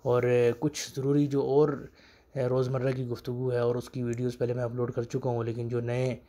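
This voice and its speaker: Man teaching Arabic phrases in an even tone. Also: medium pitch. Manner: slows down and repeats Arabic phrases for learners. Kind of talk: casual spoken lesson.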